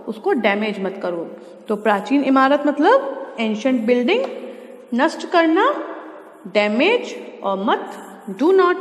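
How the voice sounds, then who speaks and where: A woman teacher giving a lesson, explaining sentence structure step by step and slowly sounding out English words. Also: fairly high pitch. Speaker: school teacher. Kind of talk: classroom lesson explaining translation. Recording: echoey room with long reverb.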